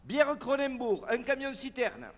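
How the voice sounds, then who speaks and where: An actor playing a gruff, jokey male union organiser, talking in a deadpan drawl. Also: extremely high pitch, a little slow. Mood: businesslike. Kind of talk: comedy sketch dialogue. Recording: dull roomy recording with faint hiss.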